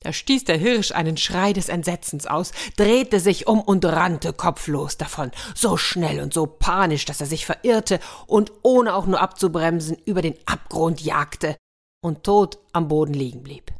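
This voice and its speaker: A woman tells a children's story with dramatic, expressive narration. Her voice sits low for a woman. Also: measured pace. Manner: dramatic, sound-painting delivery.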